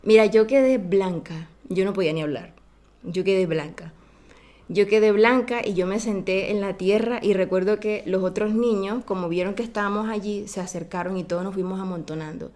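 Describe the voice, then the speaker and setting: On a podcast, a woman guest tells a story from her childhood in a casual, animated way, acting out the voices of the people involved. Her voice is mid-range and brisk, with few pauses.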